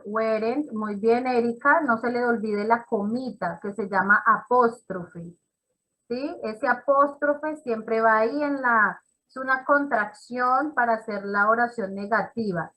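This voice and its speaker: Slow, encouraging woman teacher. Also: fairly high pitch, pushed and bright, low-quality recording. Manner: encouraging, praises students by name; slow and explanatory, repeats examples. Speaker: English teacher. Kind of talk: classroom teaching.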